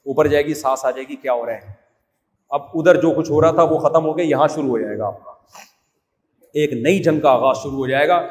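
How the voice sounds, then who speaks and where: Male preacher, fairly high voice, humorous and scolding, echoey hall. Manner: humorous, scolding, acts out family quarrels. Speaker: religious scholar. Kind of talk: sermon.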